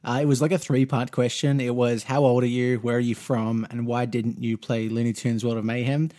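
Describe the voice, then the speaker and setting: Speaking a bit fast in a mellow, medium-pitched voice with a flat delivery, an Australian man in his twenties rambles through a Q&A vlog. The mobile gaming YouTuber is chatty and relaxed, restarting often and using plenty of fillers.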